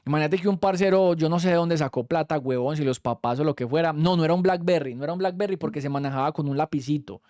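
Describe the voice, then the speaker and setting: A man's voice: on the high side, quick pace, few pauses, a little mellow, no room sound, clean studio sound. A young Colombian man with a Colombian Spanish accent, telling a story in a casual, slangy way and swearing freely as a streamer.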